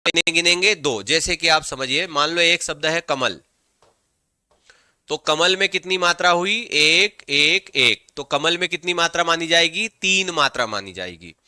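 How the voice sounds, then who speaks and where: A man with a fairly high, expressive voice, pushed, bright and smooth, runs an online Hindi grammar class, restating key points and questioning students along the way. Reading comments aloud, he replies to them, and he chants verses slowly. The audio is clean studio sound without room tone.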